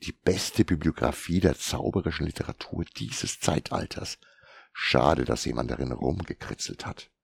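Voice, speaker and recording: Man reading as a gruff old bookseller. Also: very deep voice, animated, moderate pace, heavily acted. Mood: musing. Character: old male bookseller, gruff, shrewd, pipe-smoking. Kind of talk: audiobook character reading.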